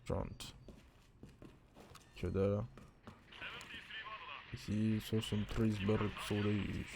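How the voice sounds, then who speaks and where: This let's play streamer from France has a lowish, creaky voice with a level tone, set against a noisy background. He comments casually on a horror game, talking to himself under his breath and quick with a joke.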